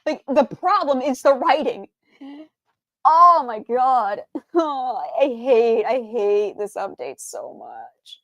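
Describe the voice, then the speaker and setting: A young adult woman streamer gives heated commentary on a game. She is exasperated and blunt, and she swears freely, with a high-pitched voice. The sound is close and dry, with no echo. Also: sing-song, takes it slowly, darkish tone.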